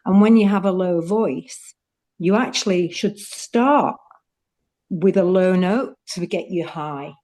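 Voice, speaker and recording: A middle-aged woman, a student and participant, gives a casual testimonial over a video call. Her voice is fairly low and mellow and she takes it slowly, speaking in a heartfelt, rambling way and laughing easily.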